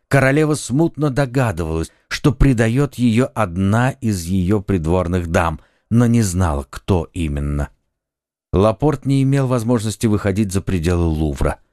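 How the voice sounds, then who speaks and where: Low-voiced man narrating a storybook. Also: no echo, clean studio sound. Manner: measured, even storytelling. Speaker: audiobook narrator. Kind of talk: scripted narration of a children's audiobook.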